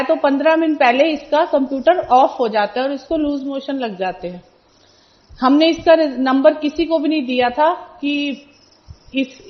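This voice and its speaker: A woman, giving an earnest personal testimony as a devotee and acting out the people she quotes. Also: high voice. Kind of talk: personal testimony at a religious gathering. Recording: dull lo-fi recording.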